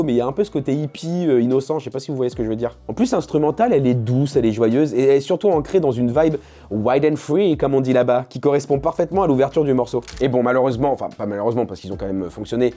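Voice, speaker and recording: A man's voice: medium pitch, mellow. A young man from France talking in a casual, slangy, jokey vlog style. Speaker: YouTuber.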